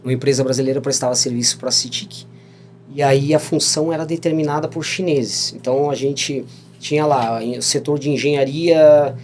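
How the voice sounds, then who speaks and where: A Brazilian man in his thirties, a podcast guest, tells stories in a rambling, casual interview, often adding "né?" and laughing along. His mid-range voice is a little mellow, with fairly even intonation at a moderate pace, and the recording has a little hiss or hum.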